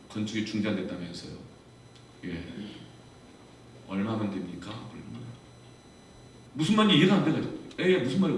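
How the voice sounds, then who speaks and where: Lively male pastor in echoey hall. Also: medium pitch, slight background noise. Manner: animated storytelling, voicing others in the story. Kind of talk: sermon with personal testimony. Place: church sanctuary. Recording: echoey church hall from far off.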